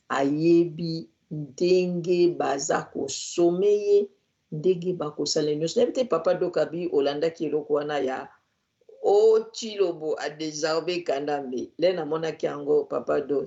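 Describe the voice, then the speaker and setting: A man with a Congolese accent commenting on politics on a talk show in a halting, mocking way. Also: on the high side, creaky, a little mellow. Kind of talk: studio debate commentary. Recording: dull lo-fi broadcast audio.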